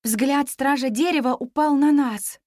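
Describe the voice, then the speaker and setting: A woman narrating a children's storybook in the first person, expressive and clear. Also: high-pitched, unhurried, no room sound, studio quality. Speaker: audiobook narrator.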